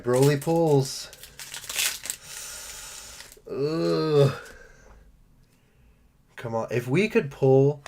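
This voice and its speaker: A man's voice: mid-range voice, vocal fry, darkish tone, slight background noise. A man hosting a live stream, chatting casually and joking while opening trading card packs. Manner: joking, rambling, playful.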